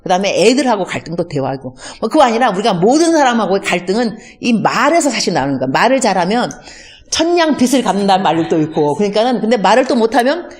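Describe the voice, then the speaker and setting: A woman missionary talks in an easy, conversational teaching style. Her pitch swings widely as she acts out everyday exchanges in different voices. She drops English words into her talk now and then. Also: very animated, fast talker.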